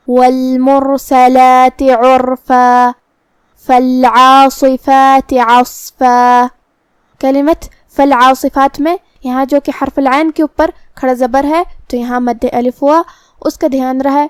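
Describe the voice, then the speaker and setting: Female recitation teacher, high clear voice, methodical and precise, dry close sound. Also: darkish tone, dry recording. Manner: slow, methodical, precise articulation. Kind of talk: tajweed lesson explaining pronunciation rules.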